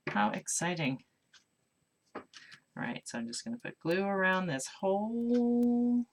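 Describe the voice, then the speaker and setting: A woman's voice: mid-range voice, very animated, a little slow, slightly rough. A woman teaching a live craft class, chatting casually and mumbling to herself as she works. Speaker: craft instructor.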